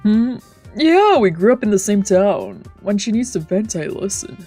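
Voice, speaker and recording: A woman streamer with a mellow, mid-range voice reads a visual novel aloud in a very animated way at a moderate pace. She stumbles over lines now and then and tosses in playful, casual reactions, with faint game music in the background.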